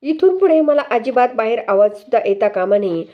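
A woman's voice: on the high side, expressive, a little fast, muffled recording, close to an everyday voice. A woman voicing a bossy young wife who scolds her husband, in a stern, commanding tone. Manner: stern, commanding, read out plainly.

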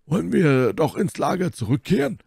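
A man reading aloud voices a hot-tempered, blustering musketeer who speaks loudly and emphatically. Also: medium pitch, very animated, moderate pace, no room sound, clean studio sound, voice pushed up. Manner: loud, emphatic.

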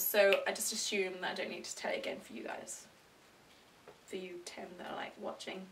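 A British teenage girl rambling and chatting to camera in a self-deprecating way, often breaking into excited squeals. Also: on the high side, distant mic. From Britain. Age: teens. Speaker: vlogger. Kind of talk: rambling casual chat to camera.

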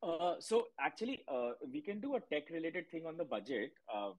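An Indian-accented man with a fairly high, husky voice, talking as a podcast guest. He explains things in an emphatic, casual way and slips Hindi words into his English. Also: sing-song, moderate pace, poor audio. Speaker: podcast guest, market analyst.

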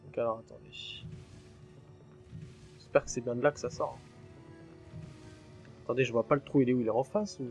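A man's voice: mid-range voice, fairly even intonation, normal speed, long pauses, faint music behind. A man commenting on his own horror game playthrough in a chatty way, swearing freely and jumping at scares. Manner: chatty and jumpy, swears freely when startled. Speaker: gaming channel host. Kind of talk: let's play commentary.

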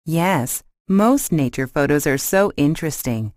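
A woman's voice: deep voice, expressive, unhurried, darkish tone, dry recording, clean studio sound. A woman acting an agreeable, interested friend in a scripted language lesson dialogue, with careful short sentences.

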